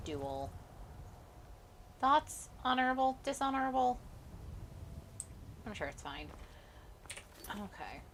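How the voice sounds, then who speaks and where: A woman's voice: deep voice, fairly bright tone, slight background noise, low-quality recording. A woman giving casual commentary as she plays a game, with dry, wry asides. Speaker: gaming streamer. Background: game music.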